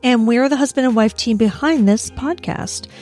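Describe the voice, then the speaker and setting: A woman with an American accent and a creaky voice, telling true crime stories conversationally as a podcast host. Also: a little high, normal speed, darkish tone, faint music behind. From United States. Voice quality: creaky vocal fry. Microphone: close podcast microphone in a dry room.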